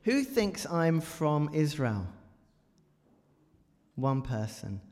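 In a large church, an English guest preacher jokes and chats with the congregation, tossing questions at the audience. His voice is on the high side and darkish in tone, with a sing-song lilt and drawn-out words. The recording carries the reverberation of the church hall.

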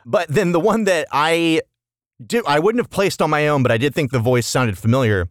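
A man hosts a casual review podcast with emphatic, analytical opinions and some swearing. His pitch moves around a lot, and the sound is close and dry. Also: expressive, moderate pace, dry recording. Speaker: podcast host.

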